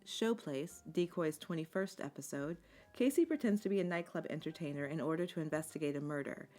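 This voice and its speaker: A woman with a deep-set voice narrates a scripted documentary essay. Her delivery is measured and articulate, in the manner of a storyteller. Instrumental music plays softly behind her. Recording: music bed under the voice.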